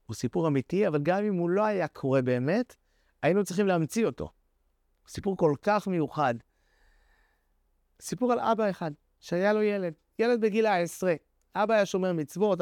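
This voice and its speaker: A man preaching, telling a story in an animated, emphatic way. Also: on the high side, gravelly, no room sound, clean studio sound. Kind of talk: storytelling sermon.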